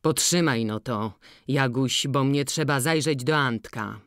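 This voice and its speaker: A woman voicing an old farmer who talks slowly and deliberately. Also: clean tone, dry recording, studio quality. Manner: slow, measured, low-key.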